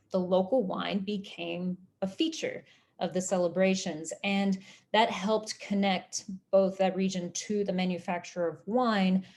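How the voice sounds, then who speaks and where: A woman from Oklahoma with an American accent lecturing on history in a measured, explanatory way with deliberate phrasing. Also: mid-range voice, a little mellow. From Oklahoma, United States.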